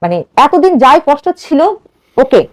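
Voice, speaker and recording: A woman's voice: high-pitched, very animated, normal speed. A woman in her thirties from Bangladesh telling a radio host her own life story in an earnest, urgent way, acting out the quoted dialogue as she goes. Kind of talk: emotional personal storytelling.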